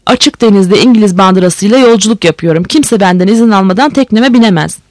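A reader voicing an old British sailor, defiant and hot-tempered, who talks bluntly and shouts. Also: mid-range voice, quick pace, no room sound, clean studio sound, lightly acted. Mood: defiant shouting.

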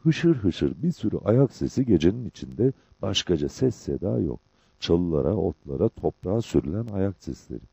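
A man narrating an audiobook in a measured storytelling manner, in a dull lo-fi recording. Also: low-pitched, sing-song, creaky, mellow, slightly rough, no room sound.

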